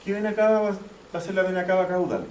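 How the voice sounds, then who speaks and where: A man's voice: high-pitched, steady tone, fast, a little mellow, a little hiss or hum. A man giving an anatomy lecture in a classroom, explaining step by step, repeating key terms and checking that students follow. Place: lecture hall. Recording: echoey classroom, mic far off, faint ambience.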